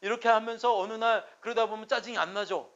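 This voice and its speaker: A man's voice: high voice, fairly even intonation, quick pace, creaky, fairly bright tone, highs cut off. A man preaching a sermon as pastor. He speaks in an emphatic, conversational way and keeps checking in with rhetorical questions.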